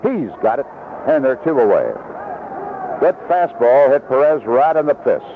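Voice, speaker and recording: On a dull, noisy vintage radio broadcast, an American man calls live baseball play-by-play in a folksy, descriptive way. His voice is medium-pitched with big pitch swings, and he talks at a moderate pace.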